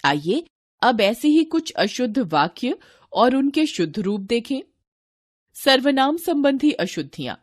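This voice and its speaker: A woman's voice: fairly high pitch, very animated, unhurried, no room sound, studio quality. A woman reading a textbook lesson to children. She speaks in scripted lesson narration and says each example word twice.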